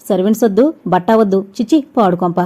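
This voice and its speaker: A woman's voice: medium pitch, quick pace, mellow, close to an everyday voice. A woman reading the lines of a spoiled young wife who demands money and hurls insults. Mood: demanding.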